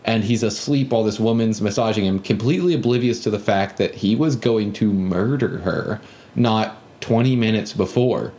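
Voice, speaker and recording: A man's voice: fairly low pitch, normal speed. A man in casual podcast chat, animatedly retelling a video game scene and acting out characters' lines. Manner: animated, acts out characters in yelling voices.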